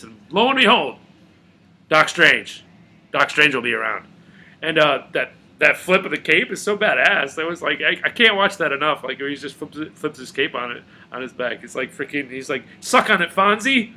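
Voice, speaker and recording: A young man rambling in a casual, profane video rant, veering between low mutters and loud outbursts. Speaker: video blogger.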